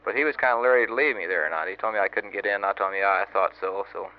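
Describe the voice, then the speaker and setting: A young man, a Marine sergeant, telling a long story in a rambling, halting way on an old wire recording. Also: fairly low pitch. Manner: rambling and halting, many fillers and restarts. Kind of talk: casual spoken letter, storytelling. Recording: muffled old wire recording with faint hiss.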